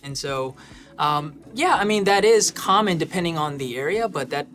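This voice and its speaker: A man from the United States co-hosting a casual conversation, relaxed and reflective, with many "you know"s. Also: high voice, quick pace, soft background music. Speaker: co-host. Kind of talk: casual chat.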